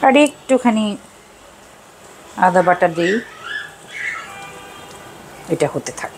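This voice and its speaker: Older woman, cooking show host, slow drawn-out talk, rambling chatty manner, chuckles, home kitchen, faint frying sizzle. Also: on the low side, expressive, background noise. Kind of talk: casual chat while cooking.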